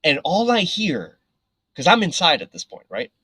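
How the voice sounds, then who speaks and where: A man, a podcast guest, tells a story in a casual, animated way, with many fillers and a husky voice. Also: fairly high pitch, moderate pace, dry recording, poor audio. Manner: animated, filler-heavy, frequent "right?".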